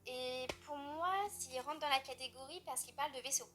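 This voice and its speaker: A woman's voice: sits high, fairly even intonation, normal speed. A French woman casually chatting about her books as a book vlogger, rambling with fillers and self-corrections. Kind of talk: casual chat.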